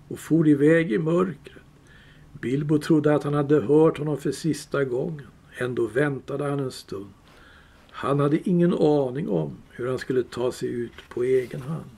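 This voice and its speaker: A male storyteller with a fairly high, husky voice reads a fantasy tale aloud. He keeps a calm, measured pace, and his voice has a gravelly rasp. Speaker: reader. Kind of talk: audiobook reading.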